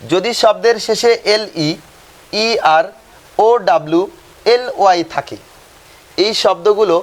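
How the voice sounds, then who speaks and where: A male teacher giving a grammar lesson, asking questions and answering them himself, repeating each word form slowly. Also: high voice. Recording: faint hiss.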